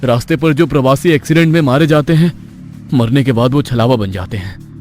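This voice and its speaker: A man voicing a nervous young husband in an animated horror story, talking in an anxious, excited way. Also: medium pitch, fairly quick, faint music behind, natural voice.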